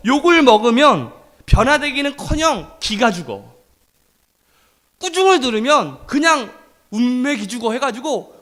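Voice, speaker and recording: A middle-aged male pastor giving a sermon in a lively, conversational way, acting out quoted lines. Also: very high-pitched.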